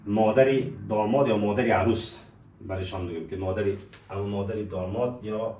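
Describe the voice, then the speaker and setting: A man teaching vocabulary, repeating words slowly and calling his students dear friends, in an echoey room away from the mic. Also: fairly low pitch, a little mellow, distant mic, a little hiss or hum. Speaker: language teacher.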